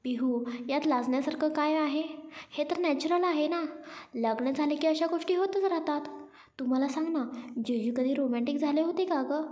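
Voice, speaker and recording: A woman's voice: high-pitched, normal speed, warm tone, lightly acted. A woman voicing a playful young woman who teases her newly married friend. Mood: teasing. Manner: teasing, cheeky.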